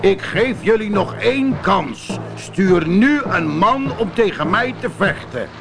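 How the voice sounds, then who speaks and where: A man's voice: sits high, lively intonation, slow, music in the background, voice pushed up, exaggerated voice. A man voicing a boastful giant warrior who bellows and taunts, his voice raised well above his own. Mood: taunting.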